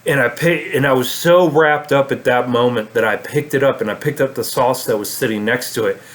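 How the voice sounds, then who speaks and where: A man's voice: medium pitch, brisk, a bit bright. A man vlogging a casual storytelling monologue, rambling with many fillers and restarts.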